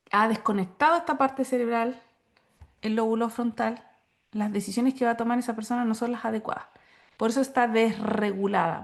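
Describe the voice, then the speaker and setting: A woman giving a recorded lecture to teachers, explaining step by step and checking in with listeners often. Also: gravelly. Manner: explanatory, checks in with frequent "¿ya?" and "¿cierto?"; acts out quoted lines in a higher voice. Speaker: course instructor. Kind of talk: recorded lecture on child behavior.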